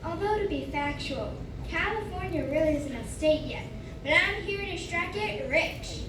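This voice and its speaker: An eager, boastful gold miner, acted by a girl on a school stage. The very high voice comes from a distance in an echoey hall with loud noise. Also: lively intonation, moderate pace. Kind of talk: school stage play recitation.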